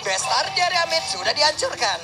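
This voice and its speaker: An Indonesian commentator calling a live game like an excited fighting game announcer, with animated shouted calls of names and plays. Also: high voice, fairly quick, over loud music. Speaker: esports match commentator. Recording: loud game noise behind the voice.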